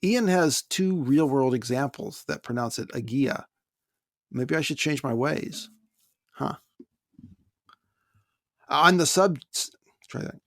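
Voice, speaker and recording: A man's voice: a little high, takes it slowly, gravelly, pauses often, no echo, clean studio sound. An American man co-hosting a podcast, reading listener emails aloud and adding wry asides in casual chat. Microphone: close podcast microphone.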